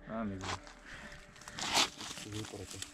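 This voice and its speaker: A man's voice: on the low side, little pitch movement, measured pace. A man making short, casual remarks to a companion while exploring outdoors at night. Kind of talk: casual terse outdoor chat. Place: outdoors in rough woodland at night. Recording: quiet, distant voice in noisy outdoor recording.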